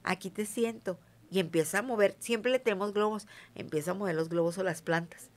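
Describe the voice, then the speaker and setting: Speaking at medium pitch and a little fast, a middle-aged woman with a Mexican accent talks animatedly in a relaxed interview. She calls herself a witch and keeps asking "¿sí me entiendes?" as she makes her points.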